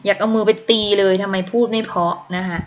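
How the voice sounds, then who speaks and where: A woman's voice: medium pitch, fairly even intonation, quick pace. A woman primary school teacher reading a story aloud and explaining words to young pupils in an online class, patiently calling on children one at a time. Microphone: video call. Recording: dull lo-fi video call audio.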